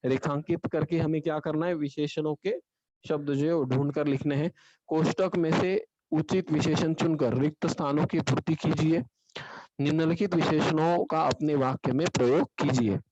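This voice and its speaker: A man's voice: a little high, fairly even intonation, normal speed, darkish tone. A male teacher giving an online grammar lesson, explaining step by step and asking and answering his own questions. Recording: dull lo-fi online class audio.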